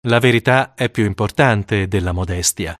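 A man narrating a first-person story for an audiobook, with dramatic, expressive storytelling. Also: fairly low pitch, normal speed, dry recording, clean studio sound.

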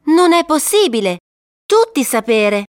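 A woman's voice: sits high, very animated, measured pace, dry recording, clean studio sound. A woman voicing a small, innocent male elf child who speaks in broken, childish grammar. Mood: earnest, naive. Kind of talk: audiobook character reading.

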